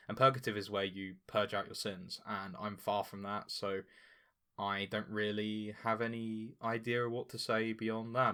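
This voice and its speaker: A man's voice: lowish voice, bright, forceful tone. A man hosting a casual Q&A monologue for his viewers, rambling and opinionated, with self-mocking asides. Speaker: channel host.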